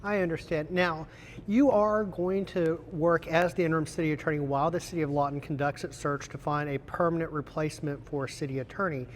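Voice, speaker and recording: A man's voice: fairly high pitch, fairly even intonation, brisk, slight background noise. An American man asking prepared interview questions in a formal, courteous way as the host.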